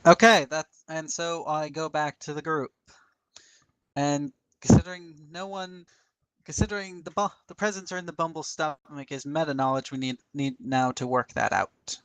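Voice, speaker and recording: A man playing in a tabletop game, calmly describing what his character does. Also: fairly high pitch, moderate pace, clear, resonant tone, dry recording, poor audio. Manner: matter-of-fact, describes his character's actions. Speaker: player. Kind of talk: casual tabletop game chat.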